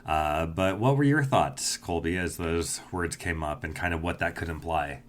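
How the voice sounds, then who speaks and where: Male podcast host, very deep voice, relaxed explainer on ghost hunting. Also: moderate pace, slight background noise. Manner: skeptical, explanatory, easygoing. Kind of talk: casual podcast chat.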